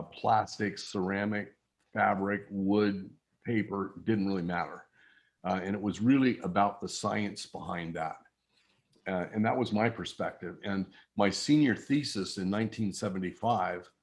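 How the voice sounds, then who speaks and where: Man in his sixties, lowish voice, easygoing technical storyteller, video call. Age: 60s. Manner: relaxed storyteller, technical and anecdotal. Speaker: guest. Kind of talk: casual chat.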